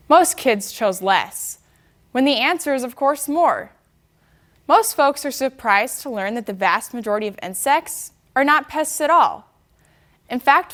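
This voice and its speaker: A woman's voice: fairly high pitch, a bit bright. A young woman giving a prepared contest speech, with a stiff, rehearsed delivery that sounds memorized.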